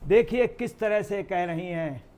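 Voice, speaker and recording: A man's voice: sits high, unhurried, a little mellow. A man giving heated political commentary, emphatic and mocking, full of rhetorical questions.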